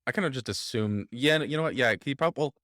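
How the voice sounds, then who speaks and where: A man co-hosting a casual podcast, chatting about old comics in a relaxed way with fillers. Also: medium pitch, quick pace, dry recording, studio quality. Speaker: podcast co-host.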